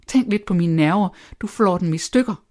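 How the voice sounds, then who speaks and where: A reader voicing a nervous, excitable middle-aged mother of five daughters in an audiobook, gushing and indignant by turns. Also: mid-range voice, natural voice. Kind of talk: audiobook character voice.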